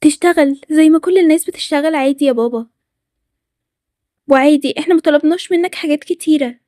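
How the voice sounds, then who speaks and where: A woman's voice: sits high, fast talker, dark tone, no room sound, studio quality, natural voice. A woman with an Egyptian accent voicing an earnest young girl who learns her father is a thief, in a Toca Boca story. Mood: pleading. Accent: Egyptian Arabic.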